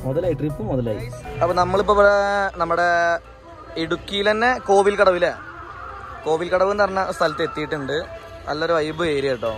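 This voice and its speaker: A man's voice: fairly high pitch, brisk, long pauses. A young man chatting casually as a travel vlog host, mixing English words into his talk. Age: young adult. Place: moving car, some street and eatery. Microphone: phone at arm's length. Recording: loud background music over the talk.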